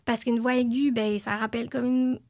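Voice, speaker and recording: A woman's voice: fairly high pitch, level tone, normal speed, darkish tone, dry recording, studio quality. A woman with a Quebec French accent, a podcast guest explaining her points in a casual chat. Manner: explanatory, chronicle-style delivery.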